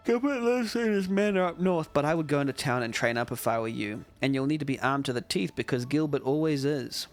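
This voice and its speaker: A man's voice: on the high side, animated, fairly quick, few pauses, faint music behind. A man reading aloud the lines of a jumpy game villager, startled and joking. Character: jumpy villager who lost a knife.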